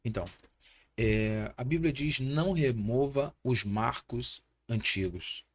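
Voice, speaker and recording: A pastor in his thirties with a Brazilian Portuguese accent appears as a podcast guest, teaching in a didactic, sermon-like manner and repeating key points for emphasis. He speaks slowly at a medium pitch, with a little hiss or hum on the recording.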